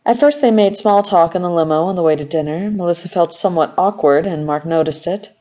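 A woman narrating an audiobook story in a measured, even manner. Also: on the low side. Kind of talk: scripted narration.

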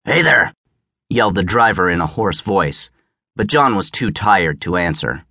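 Low-voiced man narrating an audiobook. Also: normal speed, sharp tone, no echo, studio quality. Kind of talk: scripted narration. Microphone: close studio mic.

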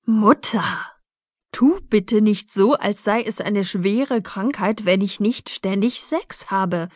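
A woman's voice: medium pitch, slow pace, dry recording, studio quality. Woman reading as an exasperated young student. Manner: pleading, embarrassed.

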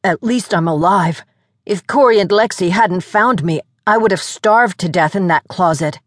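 A woman's voice: lowish voice, normal speed, no room sound, natural voice. A woman voicing an earnest rescued man.

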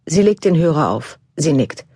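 A woman's voice: sits low, very animated, normal speed, mellow, breathy edge, no echo, studio quality. A woman narrating a contemporary novel as an audiobook, raising her voice for the characters' dialogue.

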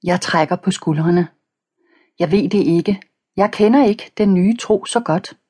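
A woman narrating a children's audiobook in the first person, calm and even, reading page numbers aloud. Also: on the low side, slightly rough. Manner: reads page numbers aloud between passages.

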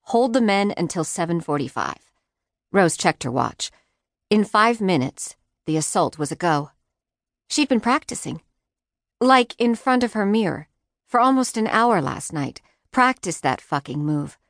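A woman's voice: medium pitch, sing-song, unhurried, no room sound. A woman narrating an audiobook on a close studio mic, with a wry, sardonic delivery of a profane teenage point of view. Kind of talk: scripted narration.

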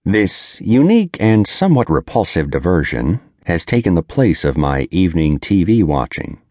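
A man's voice: deep voice, sing-song, moderate pace, a little mellow, dry recording, studio quality. A man narrating an audiobook in the first person, with a bitter, world-weary confessional manner.

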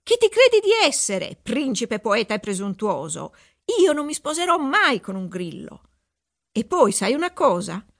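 A woman's voice: fairly high pitch, big pitch swings, a little slow, creaky, heavily acted. A woman voicing a haughty, spoiled seven-year-old princess who scolds in indignant outbursts. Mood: furious.

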